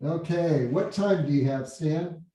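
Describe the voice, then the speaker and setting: A man hosts a meeting in a casual, halting way and often repeats a word before going on. His mellow voice booms back with a hollow echo, like a cave. He sits well back from the computer mic in a very reverberant meeting room. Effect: hollow cave-like echo, as if speaking in a hole. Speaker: meeting host. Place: meeting room with windows and blinds. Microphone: computer mic set back from the speaker. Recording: very echoey room, far from the mic.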